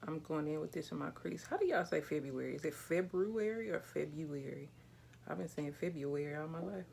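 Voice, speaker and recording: Woman, 30, low gravelly voice, relaxed candid vlog chat. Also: a little fast, a little hiss or hum. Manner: relaxed, candid, chatty with slang and light swearing. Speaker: beauty vlogger. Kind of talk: casual chat while doing makeup. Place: small indoor room with a plain backdrop.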